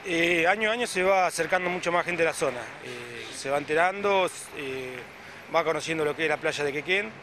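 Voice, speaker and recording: This fortysomething Argentine club president, who also organizes the event, has a fairly high, animated, fairly quick voice. Standing outdoors by a beach with hedges behind him, he chats casually for the camera into a handheld reporter mic just below his chin, dropping many "eh" fillers and restarting often, while outdoor background noise comes through clearly.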